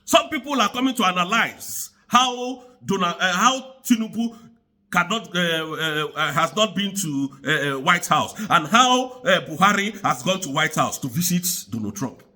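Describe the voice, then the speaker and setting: High-pitched, animated man ranting. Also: moderate pace. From Nigeria. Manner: angry, repetitive, preaching tone. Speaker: commentator. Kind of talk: impassioned political rant.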